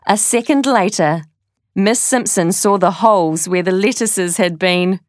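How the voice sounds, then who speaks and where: Woman narrator, children's read-aloud, unhurried and deliberate, dry close mic. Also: mid-range voice, no room sound. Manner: slow, deliberate storytelling.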